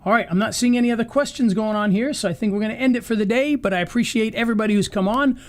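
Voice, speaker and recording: His high-pitched voice races along as he closes out a live marketing stream. The man talks loosely, rambles and restarts, and is beginning to lose his voice in this casual wrap-up.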